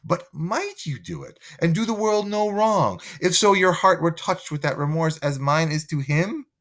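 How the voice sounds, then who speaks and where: A man's voice: fairly high pitch, lively intonation, moderate pace, a bit bright, voice pushed up. A man reading the lines of a young woman who pleads for her brother, in an earnest, impassioned way. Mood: pleading. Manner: earnest, pleading, rising and falling.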